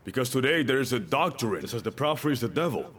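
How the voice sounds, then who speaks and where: A man's voice: medium pitch, very animated, quick pace, a bit bright, slightly rough. A male pastor preaching a sermon, emphatic and repeating his key lines, with joking asides to the congregation.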